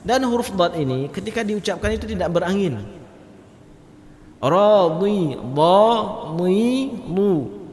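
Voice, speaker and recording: High-voiced teacher in an echoing mosque. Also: male voice. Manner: explains letters then demonstrates with loud drawn-out recitation. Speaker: Quran recitation teacher. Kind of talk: mosque tajwid lesson. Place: large mosque hall. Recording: echoey mosque hall.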